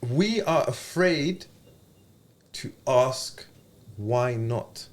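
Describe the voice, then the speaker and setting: A man's voice: medium pitch, animated, very slow. A man with an urban London roadman accent talking casually as a podcast host, using street slang and often checking that he is understood.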